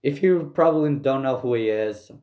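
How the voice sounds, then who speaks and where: A man ranting in commentary, angry and profane, halting with frequent restarts. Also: medium pitch, a little mellow, reverberant. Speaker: commentary youtuber.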